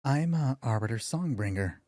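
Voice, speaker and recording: A man's voice: mid-range voice, expressive, normal speed, warm tone, dry recording, clean studio sound, close to an everyday voice. A man doing an awkward young woman arbiter. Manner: hesitant, stumbling over words.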